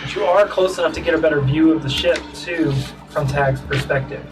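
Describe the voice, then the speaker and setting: A man's voice: fairly high pitch, brisk. A man narrating and explaining rules as game master, casual and chatty. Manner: casual, explanatory, laughs often. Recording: distant mic with music behind.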